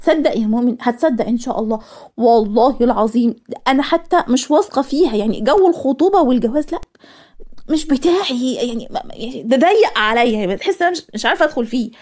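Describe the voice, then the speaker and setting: A woman's voice: on the high side, animated. A woman voicing a fiery young Egyptian student. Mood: dismissive. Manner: sharp, scolding, rapid-fire retorts. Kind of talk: cartoon voice acting.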